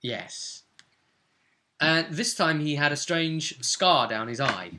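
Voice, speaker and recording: A game master with a bright, forward, slightly high voice recaps a tabletop role-play adventure in a conversational, storyteller's way, slipping into quoted dialogue. He speaks slowly and animatedly, with slight background noise.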